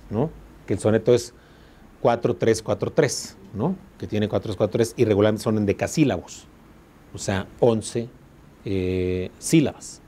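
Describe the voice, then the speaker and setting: This law school lecturer has a Mexican accent and a warm, mid-range voice. Patient in his explanations, he constantly checks that the class is following along.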